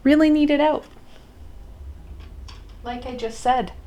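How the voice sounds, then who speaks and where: A woman giving a spiritual oracle card reading to her viewers, talking in a gentle, encouraging way with thoughtful pauses. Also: high-pitched, fairly even intonation.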